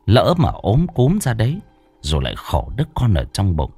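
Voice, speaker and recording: A man narrating a ghost story in an expressive, dramatic storytelling style. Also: lowish voice, moderate pace, husky, no room sound, faint music behind.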